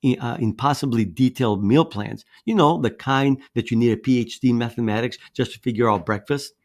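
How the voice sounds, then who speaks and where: A man in his fifties, raised in Greece, gives a persuasive motivational presentation on fitness, telling stories and occasionally restarting. His medium-pitched voice has a darkish tone, and he speaks a little fast.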